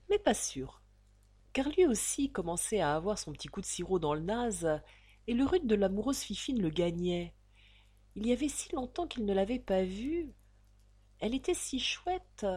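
A woman narrates a novel as an audiobook reader, with an expressive, lively delivery that handles slang-heavy prose with ease. Her voice sits at a middle pitch, and there is no echo.

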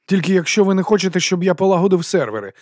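A man's voice: high-pitched, lively intonation, rapid-fire, darkish tone, no room sound, studio quality, voice pushed up. A man voicing a timid, nervous young technician who mumbles and hesitates.

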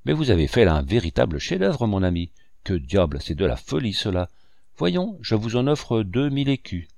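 A man's voice: fairly low pitch, big pitch swings, moderate pace, gravelly, a little mellow, no echo, studio quality. A man reading as a jovial teasing count. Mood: coaxing. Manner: jovial, bantering delivery.

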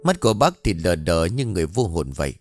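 A man narrating a ghost story in an expressive, animated way. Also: sits low, a little fast, faint music behind.

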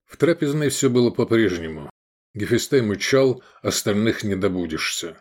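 A man's voice: on the low side, animated, moderate pace. A man narrating an adventure audiobook, voicing every character expressively.

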